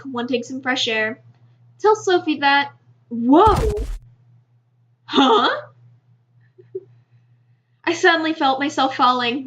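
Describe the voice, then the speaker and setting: A woman reading a visual novel aloud with expressive asides, laughing easily and tripping over words. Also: high-pitched, dull audio. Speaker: gamer narrating a visual novel.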